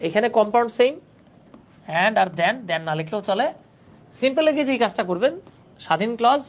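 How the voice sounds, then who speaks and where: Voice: medium pitch, lively intonation, brisk. A grammar teacher giving a live online class for job exam prep, patiently repeating points and checking that students follow. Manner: patient, repetitive, keeps checking understanding.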